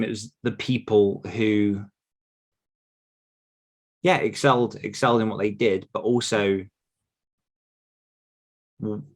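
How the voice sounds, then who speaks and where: A British author in his thirties, guesting on a podcast, talks casually and reflectively, wandering as he tells his stories. His voice is mid-range and a bit bright.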